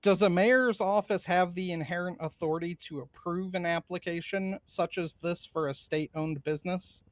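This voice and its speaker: A high-voiced man acts as an attorney in an improvised court scene. His questions are formal and precisely worded. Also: steady tone, moderate pace, no echo. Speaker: lawyer examining a witness in role-play.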